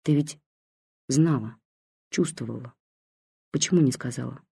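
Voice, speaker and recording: A reader voicing an old grandmother who has gone deaf and calls out for her son with slow, drawn-out words. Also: medium pitch, vocal fry, breathy edge, no room sound, studio quality, full character voice. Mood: weary, stubborn. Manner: shouting, slow, dragged-out words. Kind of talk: audiobook character voice.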